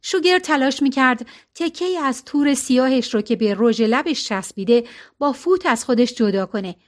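A woman reading a novel aloud as narrator, in a calm, even way with colloquial phrasing. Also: high voice. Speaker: audiobook narrator.

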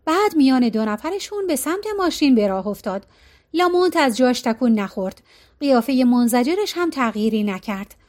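Audiobook narrator, woman, high register, steady storytelling pace. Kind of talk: scripted narration.

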